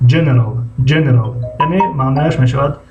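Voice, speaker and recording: A man with a Tajik accent teaching an English lesson, slowly spelling out letters and repeating each word several times for his students. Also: mid-range voice, lo-fi sound, over music. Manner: slow, repeats words over and over for students. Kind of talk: classroom language lesson.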